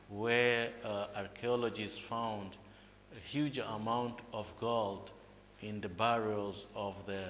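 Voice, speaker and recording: A man from Mozambique appears as an interview guest, explaining local history in a measured, lecturing manner full of hesitant fillers and restarts. His voice sits on the low side with a fairly bright tone. The room is reverberant, with faint background noise.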